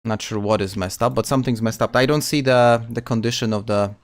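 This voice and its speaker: A man's voice: medium pitch, brisk, no room sound, studio quality. A man casually commenting on his gameplay stream, chatting with viewers and often restarting words.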